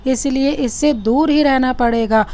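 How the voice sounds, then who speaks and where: A woman's voice: high-pitched, a little slow, a little mellow. A woman voicing a meek young male student who is easily cowed, speaking in a pleading way in a Hindi audio story.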